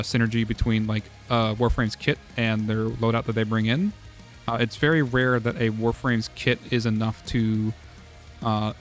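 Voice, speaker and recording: A man going hoarse late in a long stream, talking through game builds in a loose, rambling way. His pitch sits in the middle range, and his sentences trail off in fillers and restarts. Soft music plays faintly behind him. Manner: rambling, full of "uh" and "like". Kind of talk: casual game strategy talk.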